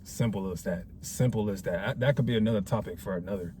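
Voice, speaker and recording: A vlogger in his twenties talks casually to the camera in a talking-head video, rambling and reflective, full of slang and fillers. His voice is on the low side and quick, with a noisy background.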